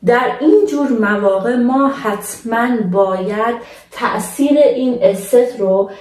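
A woman's voice: on the high side, a little mellow, recorded from a distance. Patient young woman teaching, echoey room. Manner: patient, addresses viewers as kids, slows down to model words. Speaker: German language teacher. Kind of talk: casual explanatory lesson.

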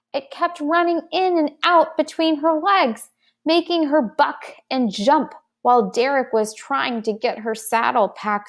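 A woman reading a children's book aloud in slow, careful storytelling. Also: on the high side. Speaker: narrator.

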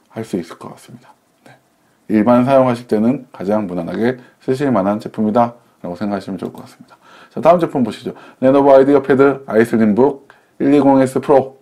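Mellow-voiced man reviewing laptops. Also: mid-range voice. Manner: chatty, self-correcting explanations with simple analogies. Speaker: tech reviewer. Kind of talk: casual product review.

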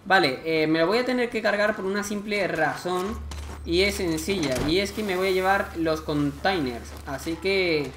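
A man with an accent from Spain, casually commenting on a game he plays, chatty and excitable with lots of slang. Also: sits high, normal speed, roomy sound, slight background noise. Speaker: gameplay commentator.

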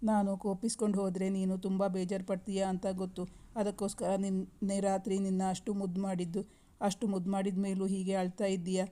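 A woman narrator voicing an affectionate young husband, a busy businessman, who gently coaxes and reassures his wife. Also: medium pitch, level tone, fairly quick, natural voice. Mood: coaxing.

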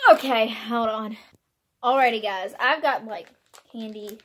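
Giggly young woman doing a candy taste test vlog, kinda high voice, lots of excited gasps. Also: slow, a little hiss or hum. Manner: bubbly, giggly, exclaims and laughs often. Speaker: vlogger.

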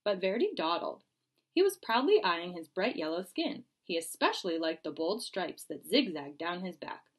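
A woman teacher reading a children's picture book aloud with an expressive, lively delivery. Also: on the low side, moderate pace. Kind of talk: storybook read-aloud.

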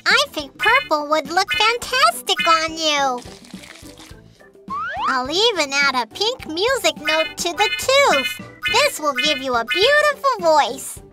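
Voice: very high-pitched, sing-song, takes it slowly, full character voice. A performer voicing a cheerful young baby shark dentist in a preschool cartoon, speaking simply and reassuringly. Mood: upbeat, helpful. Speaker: cartoon doctor character. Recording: music under the voice.

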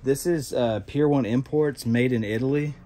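A man, chatting excitedly and rambling as he unpacks boxes in a cluttered storage room. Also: medium pitch, moderate pace. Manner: excited, rambling, talks to viewers as y'all. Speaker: storage unit reseller host. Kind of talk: casual unboxing chat.

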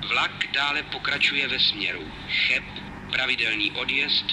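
A man making formal, measured, pre-recorded railway announcements in segmented phrases over a station public address system. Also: mid-range voice. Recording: noisy station loudspeaker recording.

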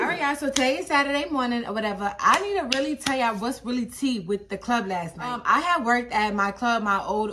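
A young woman, telling a story in a casual vlog, animated and repeating phrases in incredulous high-pitched bursts. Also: noisy background. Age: young adult. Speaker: vlogger.

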